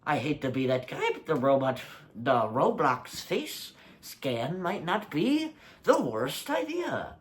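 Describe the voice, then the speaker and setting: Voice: medium pitch, very animated, takes it slowly, hardly any pauses. A young adult giving a casual, exasperated rant full of rhetorical questions, slightly muffled as if speaking from inside a rubber mask. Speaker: video creator.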